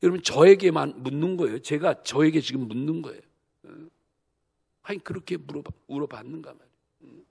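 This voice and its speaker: A man, a senior pastor, preaching a sermon with emphatic rhetorical questions to the congregation, swinging from soft low asides to loud bursts. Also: brisk, vocal fry, pauses often, husky. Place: church sanctuary.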